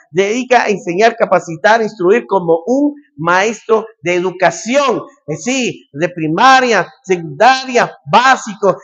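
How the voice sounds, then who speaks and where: A man preaching a sermon as pastor, emphatic and repetitive, sometimes calling out loudly. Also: high voice, dull audio. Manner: emphatic preaching, repeats phrases, shouts calls.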